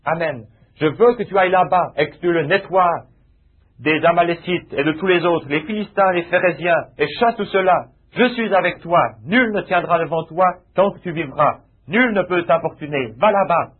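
A man's voice: a little high, normal speed, husky. A man preaching a sermon with emphatic, repetitive phrasing that rises into exclamations. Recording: tinny lo-fi phone-like sound.

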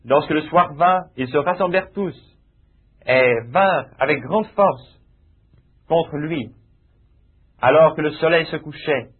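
A man's voice: fairly high pitch, unhurried, pauses often, husky. A man preaching a sermon with emphatic, repetitive phrasing that rises into exclamations. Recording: tinny lo-fi phone-like sound.

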